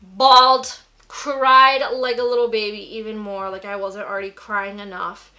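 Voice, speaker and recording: Bright-voiced chatty young woman vlogger. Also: mid-range voice, level tone, normal speed. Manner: gushing, filler-heavy with frequent "like". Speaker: beauty vlogger. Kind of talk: casual chatty storytelling while doing makeup.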